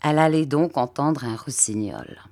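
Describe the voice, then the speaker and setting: A woman narrating a classic novel in a measured, unhurried reading voice. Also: a bass voice, a little mellow, dry recording. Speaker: audiobook narrator. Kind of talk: scripted literary narration.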